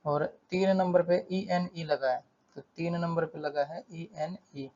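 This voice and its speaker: A man's voice: fairly high pitch, slow pace. Man tutoring chemistry, lo-fi sound. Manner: steady, repeats terms, counts aloud. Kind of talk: whiteboard lesson explanation.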